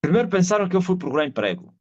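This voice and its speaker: Angolan man preaching a testimony, higher voice, swings widely, muffled video call sound. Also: racing. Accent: Angolan Portuguese. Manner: animated storyteller, acts out quoted voices and shouts. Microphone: video call audio. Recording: dull lo-fi video call audio.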